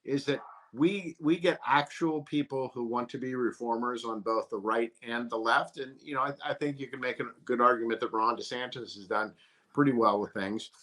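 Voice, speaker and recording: A man who is an author, answering interview questions in a measured, hesitant way with many fillers. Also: mid-range voice, steady tone, bright, forceful tone. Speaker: author guest.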